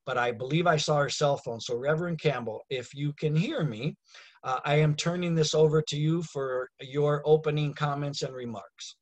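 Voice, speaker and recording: A man's voice: fairly high pitch, normal speed, no echo. A man moderating an online discussion who hands the floor to the next speaker in a reassuring, informal way.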